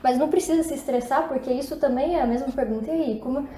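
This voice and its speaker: A woman's voice: high-pitched, quick pace, warm tone. Upbeat Brazilian woman teaching English. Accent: Brazilian Portuguese. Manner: chatty, upbeat, asks rhetorical questions. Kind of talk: casual video lesson. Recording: echoey room, faint background noise.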